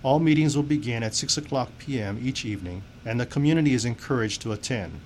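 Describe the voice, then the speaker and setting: A man reading a scripted public information announcement as a civil defense announcer, in a formal, measured way. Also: medium pitch, darkish tone. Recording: clearly noisy background.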